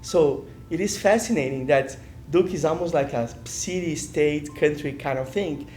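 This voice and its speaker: A man's voice: a little high, normal speed, a little mellow, faint music behind. A man in an interview telling an anecdote, acting out people introducing themselves.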